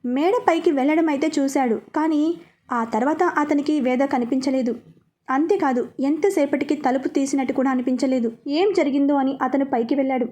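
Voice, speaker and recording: Woman telling a romance story, high mellow voice, even and unhurried. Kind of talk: scripted narration of a romantic story.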